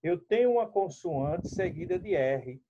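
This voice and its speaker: A man's voice: high voice, expressive, unhurried, dark tone, a little hiss or hum. A man teaching a lesson, explaining rules step by step and speaking straight to his students. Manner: explanatory, addresses students directly. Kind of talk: classroom lesson. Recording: dull lo-fi recording.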